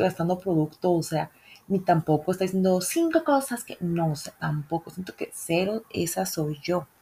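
A woman's voice: fairly low pitch, darkish tone, breathy edge. A young woman from northern Mexico with a northern Mexican accent, hosting a casual solo podcast in a chatty, slangy way. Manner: chatty, slangy, swears freely. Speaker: podcast host.

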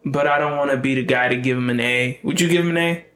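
A man's voice: mid-range voice, fast talker, a bit bright. A man co-hosting a podcast in casual chat, blunt and profane with dismissive opinions. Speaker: podcast co-host.

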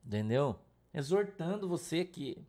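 A pastor from Brazil preaching an informal sermon, blunt and scolding, full of slang. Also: male voice, fairly high pitch, very animated, normal speed, mellow. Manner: blunt, scolding, slangy, mimics whiny congregants.

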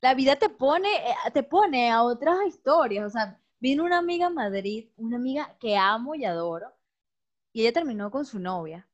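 A woman speaks openly and reflectively in a casual podcast conversation, her voice on the higher side and lively in its storytelling. The sound is dull and lo-fi. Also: moderate pace. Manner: candid, reflective, animated storyteller. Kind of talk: casual heartfelt chat. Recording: dull lo-fi recording.

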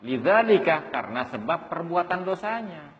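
A man's voice: on the high side, sing-song, moderate pace. A man giving a conversational sermon as an Islamic preacher, often addressing listeners as Pak. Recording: dull audio with long hall reverb.

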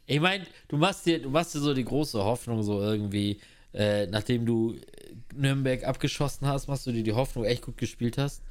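A man's voice: medium pitch, moderate pace. Blunt, ranting guy. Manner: blunt, slangy, sarcastic ranting. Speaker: podcast co-host. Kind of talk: casual chat.

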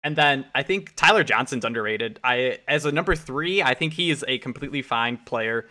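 A man's voice: mid-range voice, normal speed. A man co-hosting a casual sports betting chat, breaking down games and acting out quotes in a raised voice. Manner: animated, acts out quotes in raised voice. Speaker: podcast co-host.

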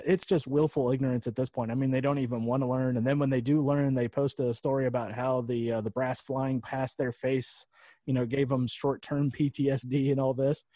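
A man's voice: medium pitch, warm tone, no room sound. A man casually chatting on a podcast as host, crude and joking, laughing often.

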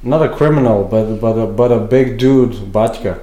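A man's voice: medium pitch, moderate pace, warm tone. A man from Latvia leading a casual conversation in English. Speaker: conversation leader. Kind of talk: casual chat. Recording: echoey room.

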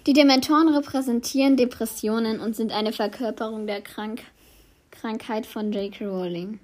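A young woman chatting casually and excitably during a quiz challenge video, prone to giggling. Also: on the high side, moderate pace.

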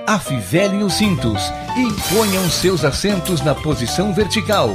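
A man voicing an airline crew member making a slow, formal announcement to passengers over an airplane intercom, as a radio show jingle. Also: high voice, big pitch swings. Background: loud music.

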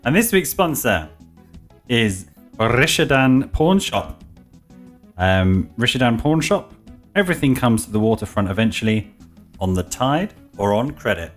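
Teasing English co-host, lively pitch. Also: male voice, a little slow, faint music behind. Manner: dry teasing, laughing. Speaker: podcast co-host. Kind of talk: casual chat.

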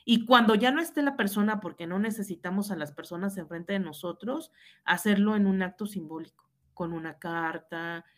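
A woman's voice: medium pitch, moderate pace. Mexican woman, teacher, reflective storyteller, earnest, keeps checking in with tag questions, acts out what people said. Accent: Mexican Spanish. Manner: earnest, frequent tag questions, reenacts dialogue. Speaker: high school teacher. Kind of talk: reflective personal storytelling in conversation.

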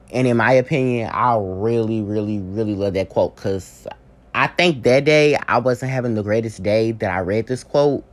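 A man giving a casual spoken book report, talking in an informal, rambling way and correcting himself as he goes. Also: fairly low pitch.

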